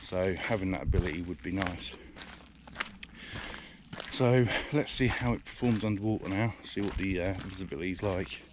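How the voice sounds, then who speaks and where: British man, low pitch, casual outdoor vlogger, slightly winded, hesitant and chatty, camera mic with noise behind. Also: moderate pace. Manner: rambling, hesitant, many fillers. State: out of breath. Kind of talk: casual walking vlog. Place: outdoors in the countryside, walking by a river. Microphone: action camera's built-in mic.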